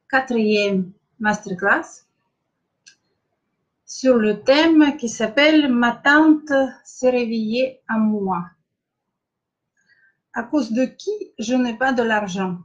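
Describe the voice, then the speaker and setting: A middle-aged woman with a Russian accent leads an online masterclass in a slightly high voice. She talks very slowly and hesitantly, filling gaps with drawn-out pauses. The stream audio sounds dull and lo-fi. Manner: slow, hesitant, with many filler pauses, greeting viewers by name. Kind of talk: live-streamed lecture.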